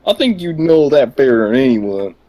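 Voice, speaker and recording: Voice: mid-range voice, very animated, moderate pace, mellow, soft background music, close to an everyday voice. A player reading aloud the lines of a cheerful teenage girl club president from a visual novel. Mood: musing.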